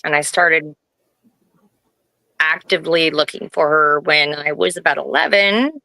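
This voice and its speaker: A nervous woman in her late twenties, an interview guest who talks in a halting way, with many restarts. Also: sits low, steady tone, pushed and bright, dry recording, low-quality recording. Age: 20s. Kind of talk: personal interview.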